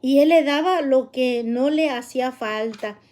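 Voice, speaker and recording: Woman, religious teacher, high soft-toned voice, casual hesitant delivery full of fillers. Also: unhurried. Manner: explains with constant tag questions and fillers; plain, patient, conversational.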